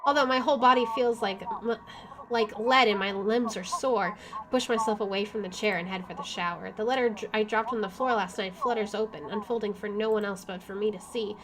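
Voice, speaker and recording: A woman with a mid-range voice speaks fairly quickly as she plays through a video game. She reads the game text aloud and adds playful, wisecracking commentary.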